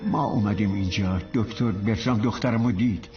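A man's voice: lowish voice, over music, natural voice. A male dubbing actor voicing a frantic father searching a hospital for his wife and daughter, agitated and pleading. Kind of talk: Persian film dub. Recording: dull lo-fi film audio with loud score.

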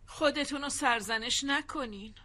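A high, bright-voiced, pleading young woman. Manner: pleading, self-blaming. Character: distressed young woman defending a loved one. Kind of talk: dubbed drama acting.

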